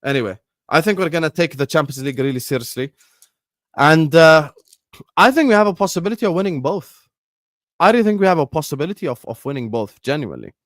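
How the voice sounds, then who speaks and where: This Jordanian man, a native Arabic speaker, hosts a football live stream with a somewhat high, animated voice and a fairly bright tone. He talks fast and combatively, repeating phrases and dropping fillers like "you get me." The recording is dry and studio quality.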